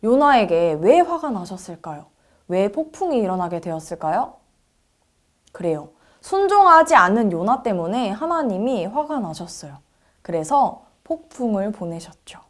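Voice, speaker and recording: A woman's voice: medium pitch, sing-song, moderate pace. A woman preacher telling a Bible story to children in a church service, asking them questions and acting out the characters' lines. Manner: asks the children questions, acts out quoted lines.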